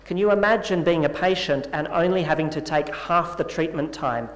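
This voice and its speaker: Man presenting in an echoey hall. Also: on the high side. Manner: measured, explanatory. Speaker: conference presenter. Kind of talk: scientific conference talk and Q&A. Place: conference hall. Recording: echoey conference hall with long reverb.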